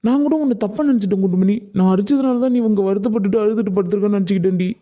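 Cartoon role: voice actor doing a warm, brisk village husband with a Tamil Nadu accent who pleads gently with his wife. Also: mid-range voice, natural voice. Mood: apologetic. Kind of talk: cartoon voice acting.

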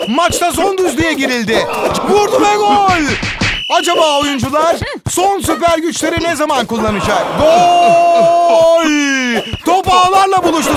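High-pitched screaming football commentator. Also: male voice. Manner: shouted exclamations, drawn-out goal calls. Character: excitable male football match commentator in an arcade video game.

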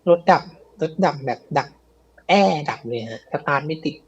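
A man's voice: fairly high pitch, moderate pace, breathy edge, dull audio. A man telling a ghost story in a casual, chatty way, with many fillers and repeats, on a live show. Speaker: guest storyteller of ghost stories.

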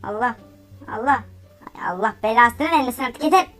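High-pitched excitable woman gamer. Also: normal speed, soft background music. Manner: excitable, exclaims and laughs often. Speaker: gaming YouTuber. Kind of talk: Roblox gameplay commentary.

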